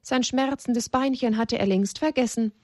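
A woman narrating a children's story in a gentle storytelling tone. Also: fairly high pitch, normal speed, dry recording, clean studio sound.

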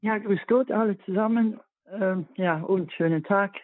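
A woman calling in to a radio show with a question, hesitant and filling pauses. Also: medium pitch, dry recording. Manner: hesitant, many fillers. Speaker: caller. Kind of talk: phone-in call. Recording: tinny dry phone line.

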